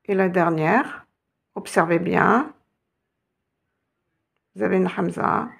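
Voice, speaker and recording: Woman teacher, slow careful delivery, gravelly voice, patient step-by-step explanations. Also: on the low side. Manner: patient, instructional, spelling out letters. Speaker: Arabic teacher. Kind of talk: step-by-step lesson narration.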